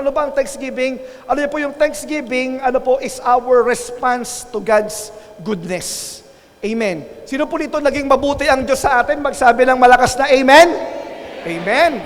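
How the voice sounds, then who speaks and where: A man with a Filipino accent preaching a sermon as pastor, switching between languages and often calling on the congregation for an amen. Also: extremely high pitch. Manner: call-and-response preaching, repeatedly asking for an amen. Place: church. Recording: echoey church with long reverb.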